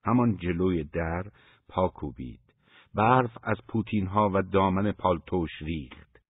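Male audiobook reader, deep and husky, measured pacing, dry phone-like recording. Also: expressive, no echo. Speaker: audiobook narrator. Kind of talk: scripted audiobook narration. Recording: dry, phone-like narrow sound.

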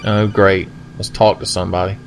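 A man's voice: low-pitched, level tone, moderate pace, a little hiss or hum. A man giving joking, sarcastic commentary as he plays a video game, swearing casually. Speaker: video game let's player.

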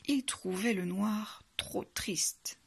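A woman reading a children's bedtime story aloud in a soft, hushed, unhurried way. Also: medium pitch, gravelly, a little hiss or hum.

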